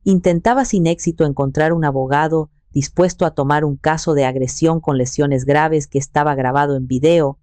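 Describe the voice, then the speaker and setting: A woman reading a first-person family drama in an even, cold, controlled way. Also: low voice, normal speed, hardly any pauses, dry recording. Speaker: story narrator.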